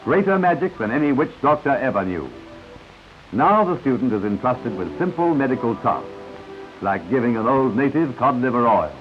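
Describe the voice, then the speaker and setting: A man's voice: medium pitch, big pitch swings, normal speed. Man narrating an old newsreel. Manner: confident announcer delivery with asides to the viewer. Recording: dull lo-fi 1950s newsreel soundtrack. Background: newsreel music.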